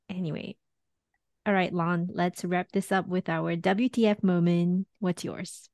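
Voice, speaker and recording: A woman's voice: lowish voice, fairly even intonation, slow pace, a little mellow, no room sound. Dry-voiced woman in casual chat. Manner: thoughtful, talks in loose chains with many "like"s. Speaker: podcast co-host.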